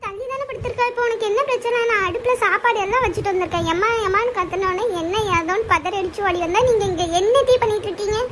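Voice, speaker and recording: A woman voicing a fretful mother scolding her two teenage daughters in a cartoon comedy, her words shrill and rising when upset. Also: fast talker, few pauses, a crowd in the background.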